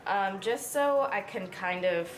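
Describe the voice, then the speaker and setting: A woman's voice: medium pitch, animated, slow pace, background noise. A woman in her twenties chatting casually to her viewers while doing her makeup, rambling with lots of fillers. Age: 20s. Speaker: beauty vlogger. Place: at home in front of a mirror.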